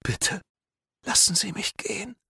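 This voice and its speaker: A man's voice: mid-range voice, moderate pace, husky, no room sound, clean studio sound. A man voicing a bound, frightened captive who pleads and stammers, in an audiobook thriller reading. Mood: whispered pleading.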